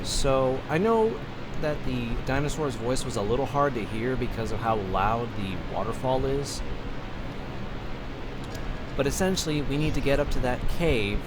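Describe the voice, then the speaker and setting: A man giving casual let's play commentary, thinking out loud tentatively as he plays. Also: mid-range voice, very noisy. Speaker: gaming video host.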